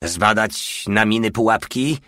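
A man's voice: on the low side, measured pace, pushed and bright, no room sound, studio quality. A man voicing an eager hot-tempered soldier. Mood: eager, angry. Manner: eager, snapping.

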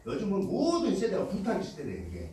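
Brief: fast, high-ish male lecturer from Jeolla, lively call-and-response style, recorded from afar in a booming hall. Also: a little hiss or hum. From Jeolla region, Korea. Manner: lively call-and-response, acts out quoted lines, laughs often. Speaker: motivational lecturer. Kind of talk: animated lecture to a live audience. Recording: echoey hall, heard from a distance.

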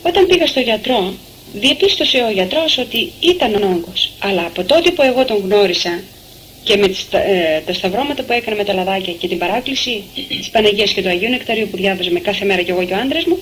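A young woman giving a personal testimony, recounting events in a steady, measured way. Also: medium pitch, slight background noise, rough recording. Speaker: testimony giver.

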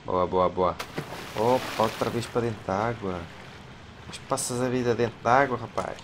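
Excitable Portuguese gamer yelping at scares. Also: male voice, lowish voice, normal speed. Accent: European Portuguese. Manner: excitable, yelps and swears at jump scares, mutters to himself. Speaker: gamer playing a horror game. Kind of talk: let's play commentary. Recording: clear game noise behind voice.

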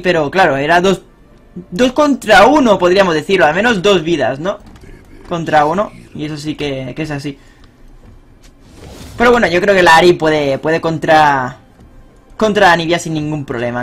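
Excitable young Spaniard commenting gameplay. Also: male voice, fairly high pitch. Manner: excitable, swears and shouts on big plays. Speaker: gaming streamer.

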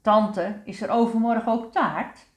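A woman's voice: fairly high pitch, measured pace, roomy sound, pitched above the performer's own voice, lightly acted. A woman voicing a sleepy, mumbling young male dog in a storybook reading. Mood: glum. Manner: drowsy, mumbling.

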